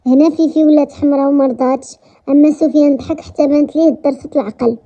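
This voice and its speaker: A woman with a Moroccan accent narrating a first-person romance story in a brisk, chatty way. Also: sits high, fairly even intonation, dark tone. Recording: dull lo-fi recording.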